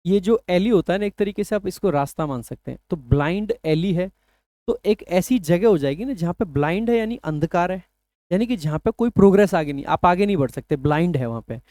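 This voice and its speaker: High-voiced man teaching exam English. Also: expressive, mellow, no echo. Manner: explains patiently, slows down to read English phrases aloud. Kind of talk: exam-prep lesson.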